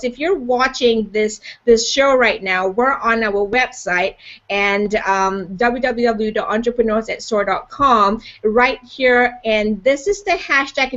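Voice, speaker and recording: A woman's voice: fairly high pitch, fairly bright tone. A woman from Malaysia hosting a live online show, upbeat and chatty with lots of "you know" fillers, over a video call. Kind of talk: live webcast chat. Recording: dull lo-fi video call audio.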